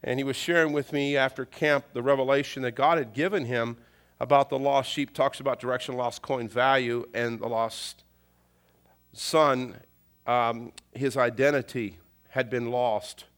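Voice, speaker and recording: A man's voice: medium pitch, steady tone, a little slow, a bit bright, smooth. A middle-aged man preaching a sermon, telling folksy, humorous family stories and repeating key phrases for emphasis. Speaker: pastor.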